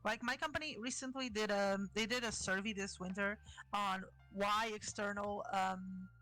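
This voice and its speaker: A woman co-hosting a podcast, chatting casually and complaining with animated exasperation about work. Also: mid-range voice, normal speed, faint music behind, rough recording. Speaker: podcast co-host, customer service worker. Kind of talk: casual chat.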